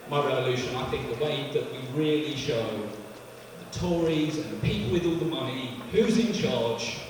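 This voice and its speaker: A sardonic young man, doing a rambling stand-up set that now and then bursts into shouting. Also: a little high, background noise. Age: 20s. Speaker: stand-up comedian. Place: live comedy venue. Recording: echoey hall from far off, crowd.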